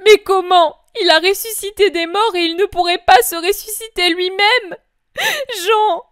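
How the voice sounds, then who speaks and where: A woman's voice: very high voice, steady tone, unhurried, no room sound, clean studio sound, voice pushed up. A woman voicing the grieving mother of Jesus, imploring and sobbing in a breaking voice, in a dramatic religious reading. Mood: pleading.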